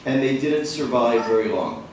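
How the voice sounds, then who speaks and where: Very slow, deliberate male lecturer. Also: mid-range voice, animated, darkish tone. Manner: measured, deliberate, pausing between phrases. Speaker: visiting physician lecturer. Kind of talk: formal lecture in short phrases for interpretation. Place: large echoing room at a talk. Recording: very echoey room, distant mic, faint noise.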